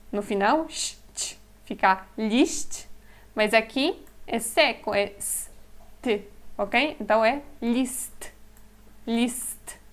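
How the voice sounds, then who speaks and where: A woman whose first language is Polish, teaching Polish words in a slow, explanatory lesson, repeating each word carefully and laughing lightly now and then. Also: fairly high pitch, fairly bright tone, clean tone.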